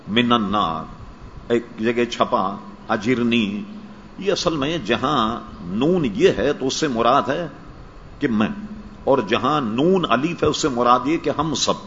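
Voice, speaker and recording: A man's voice: medium pitch, fairly bright tone. A male religious scholar patiently explains in a question-and-answer session. He stops to check that his listeners understand and carefully corrects pronunciation. It is a dull, lo-fi archive recording with a faint hiss behind him.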